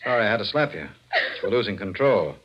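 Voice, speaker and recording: An actor playing a tough homicide detective in an old-time radio crime drama, curt, commanding and probing. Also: male voice, lowish voice, animated, quick pace, heavy background noise, close to an everyday voice. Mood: brisk, probing. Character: tough, blunt male homicide detective sergeant. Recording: muffled old radio recording.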